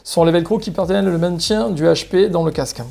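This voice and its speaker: A man presenting products for a shop talks fast in a high-pitched, dark-toned voice with vocal fry. His semi-scripted delivery is explanatory and aimed directly at viewers.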